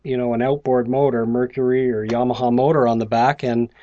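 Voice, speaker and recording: A Canadian man speaks casually about his company's products, often stopping with fillers and restarts. His voice sits at a middle pitch for a man, and the sound is muffled and lo-fi. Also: little pitch movement, fairly quick, warm tone. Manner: hesitant, lots of fillers. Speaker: company representative. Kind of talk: casual interview chat.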